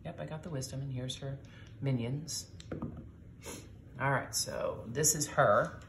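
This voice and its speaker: A woman's voice: extremely low pitch, unhurried, reverberant, slight background noise. A middle-aged woman hosting a casual board game session with her daughter, explaining rules aloud and reacting with little exclamations. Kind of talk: casual game-play chat to viewers.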